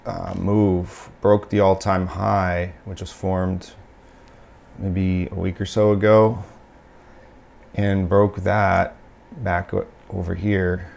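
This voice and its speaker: A man with a raspy voice from a cold, talking through his screen in casual live-stream commentary with many pauses and fillers. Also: low voice, darkish tone. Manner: unhurried, halting, many fillers. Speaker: day trader streaming live.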